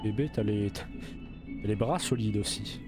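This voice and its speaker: A let's play gamer with a slight cold speaks a little slowly in a fairly low voice, loud music behind him. He's casually commenting to himself while playing a video game.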